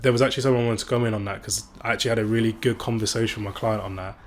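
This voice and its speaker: A man's voice: lowish voice, steady tone, racing, a little hiss or hum. Rambling man co-hosting a podcast. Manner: rambling, with many "like"s and tag questions. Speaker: podcast co-host. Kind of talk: casual chat.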